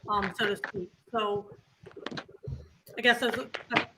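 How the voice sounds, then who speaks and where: A woman speaks over an online call whose audio keeps breaking up, with clear hiss and crackle underneath. She hesitates and fills gaps with "um" as she puts a question to a senator, her pitch sitting mid-range. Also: fairly even intonation. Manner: halting, many fillers.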